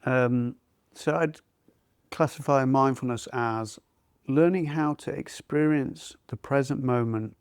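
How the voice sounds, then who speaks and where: A male mindfulness teacher in easygoing conversation. He gropes a little for words as he explains. His voice is average in pitch, and the sound is dry and close. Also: slow pace, clean tone, no room sound. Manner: thoughtful, searching for words. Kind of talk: conversational discussion.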